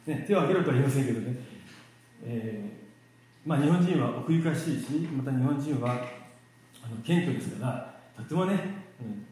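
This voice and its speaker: A man giving a church sermon in a relaxed, self-deprecating, joking way, with many fillers and pauses. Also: medium pitch. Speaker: lay preacher. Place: church hall. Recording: very echoey hall.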